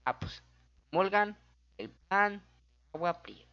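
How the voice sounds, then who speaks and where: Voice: mid-range voice, expressive, unhurried, lo-fi sound. A speaker with a Mexican accent explaining history in a casual, goofy way, adding sound effects and correcting themself along the way. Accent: Mexican Spanish.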